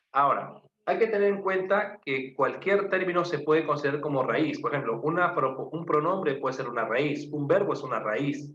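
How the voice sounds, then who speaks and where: A man's voice: a little high, fairly bright tone. A man with a Peruvian Spanish accent teaching a grammar class, asking students questions and listing examples. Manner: asks the class questions, repeats answers, lists examples. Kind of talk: online class lecture. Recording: muffled, echoey room, faint noise.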